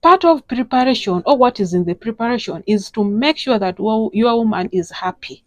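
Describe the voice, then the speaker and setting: Woman, host, chatty and direct, slightly high voice, dry recording. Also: animated, moderate pace, no room sound, rough recording. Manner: chatty, direct, addresses viewers as kings. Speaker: host, sex educator. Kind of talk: casual instructional talk.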